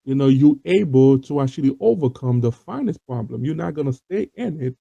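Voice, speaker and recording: This online talk show host is a Haitian man with a Haitian accent, brisk and lively in intonation, with a creaky, warm, medium-pitched voice. He addresses viewers earnestly in a casual monologue heavy on fillers and repetitions; the recording is dull, dry, and lo-fi.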